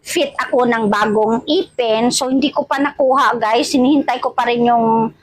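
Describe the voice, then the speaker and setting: A Filipino woman with missing front teeth chatting casually to her vlog viewers, halting and often repeating her words. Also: fairly high pitch, fairly even intonation, no room sound, low-quality recording. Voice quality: speech of someone with missing front teeth, wearing old dentures. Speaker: vlogger. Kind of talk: casual rambling vlog chat addressed to viewers.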